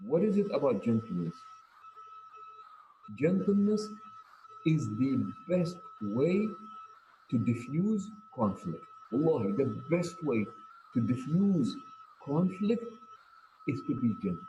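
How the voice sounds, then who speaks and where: Male preacher, mid-pitched and mellow, emphatic storyteller who leans on repetition; slightly muffled recording. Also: slight background noise. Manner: emphatic storyteller who repeats key phrases. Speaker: mosque speaker. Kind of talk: sermon talk.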